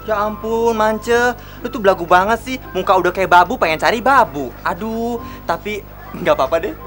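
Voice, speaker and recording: A flirty, effeminate auntie in a TV comedy drama. The voice is high and womanly, with a Jakarta accent. The delivery is campy, mocking and full of drawn-out exclamations, with faint music behind. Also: a bit bright. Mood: teasing. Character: sassy, flirty, effeminate crossdressing auntie, teasing. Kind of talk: broad comedic TV soap acting.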